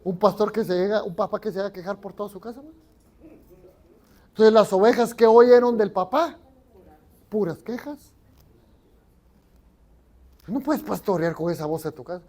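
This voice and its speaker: A man's voice: sits high, normal speed, long pauses, darkish tone. A Mexican man preaching a sermon as pastor in a church, often asking the congregation questions. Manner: conversational, asks the congregation questions.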